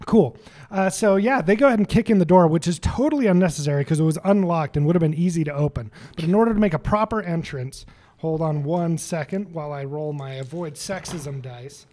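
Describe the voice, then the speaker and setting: A man narrates a tabletop game as game master, chatty and upbeat. His voice sits a bit high, and his speech is loose and full of fillers. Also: a little fast, darkish tone.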